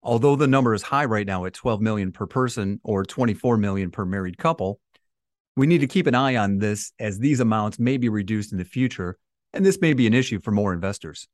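A man's voice: on the low side, expressive, a little fast, dry recording, clean studio sound. A man co-hosting a podcast as a financial advisor, giving prepared explanations.

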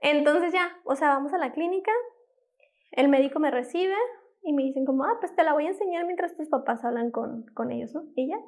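A young woman gives a personal testimony as an interview guest. Her voice sits high, and she tells the story quickly. She acts out the quoted exchanges as she goes.

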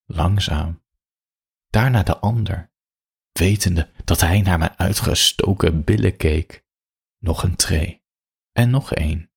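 A man reading an erotic story aloud in slow, quiet first-person narration, with a husky voice. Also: deep voice. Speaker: reader.

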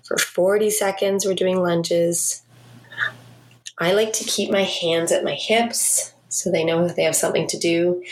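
A woman's voice: fairly low pitch, poor audio. A woman leading an exercise class as a fitness instructor, giving cues and countdowns in an encouraging way. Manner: encouraging, coaching.

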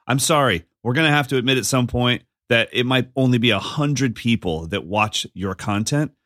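A man co-hosting a podcast in casual chat, an animated storyteller who acts out the lines he quotes. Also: medium pitch, moderate pace, no echo, clean studio sound. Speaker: podcast co-host.

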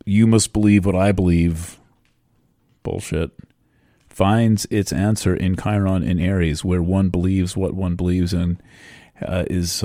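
A man talks through the astrology of the moment in a loose, rambling monologue, pausing often and filling the gaps with ums. His voice sits very low and mellow, and his pace is slow and deliberate. The sound is close and dry, with no room around it. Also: no echo. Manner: rambling, unhurried, with many fillers and pauses. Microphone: studio microphone.

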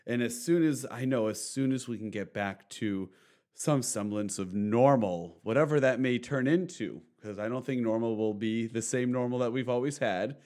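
A man hosting an interview, asking questions and warmly thanking his guest. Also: mid-range voice, moderate pace. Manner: encouraging, appreciative. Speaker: host.

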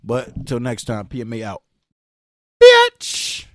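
A man's voice: mid-range voice, steady tone, a little mellow, dry recording, studio quality. Rambling young male podcast host. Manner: rambling, halting, lots of filler. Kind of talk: casual chat about a TV episode.

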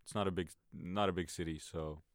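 A man's voice: low voice, fairly even intonation, fairly quick, dry recording, clean studio sound. A young man from Bosnia, co-hosting a casual student podcast in a joking, laid-back way. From Sarajevo, Bosnia and Herzegovina. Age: young adult. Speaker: podcast co-host.

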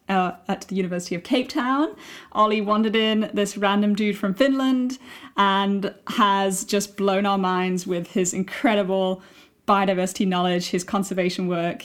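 A young woman co-hosting a podcast, friendly and enthusiastic as she introduces a guest. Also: mid-range voice. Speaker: podcast co-host. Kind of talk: casual podcast chat.

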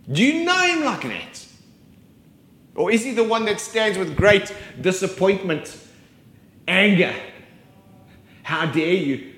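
A man preaching a sermon, his delivery rising and falling with dramatic pauses. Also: sits high, a bit bright, echoey room. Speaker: pastor.

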